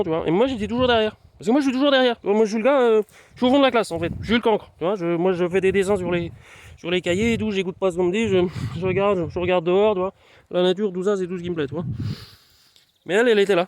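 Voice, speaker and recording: A man's voice: sits high, a little mellow, dry recording. A young man vlogging outdoors in his garden, rambling playfully and talking straight to the viewer. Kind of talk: casual outdoor vlog chat.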